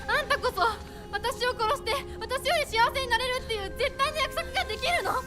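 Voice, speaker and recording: A woman's voice: extremely high pitch, very fast. A woman voicing a desperate, fierce teenage girl in a dramatic video game cutscene, impassioned and demanding, her voice close to breaking. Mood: tearful, desperate. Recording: game audio with loud music. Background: music.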